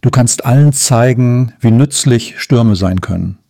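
Brief: squeaky, timid little girl mouse from a storybook, mellow and soft as done by a man. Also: a little slow, gravelly, no room sound, clean studio sound. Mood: gentle. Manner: squeaky, timid then gentle. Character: small brave female cloud mouse.

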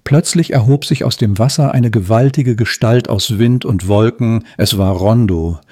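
A man narrating a children's story in a calm, measured reading voice. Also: fairly low pitch, husky, no echo, studio quality.

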